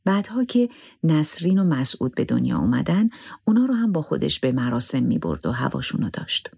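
A man narrating a scripted story in a measured, solemn way, sometimes dropping to a hushed whisper. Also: a little high, big pitch swings, creaky, husky, no room sound.

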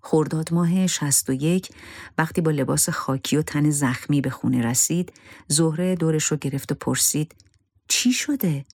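Gravelly, husky, grave storyteller. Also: mid-range voice, darkish tone, dry recording, studio quality. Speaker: narrator. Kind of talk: dramatic story narration.

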